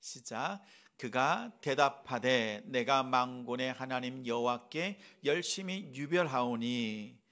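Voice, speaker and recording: A male pastor preaching a sermon, asking the congregation questions and acting out gentle quoted speech. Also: mid-range voice, expressive, takes it slowly. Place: church sanctuary.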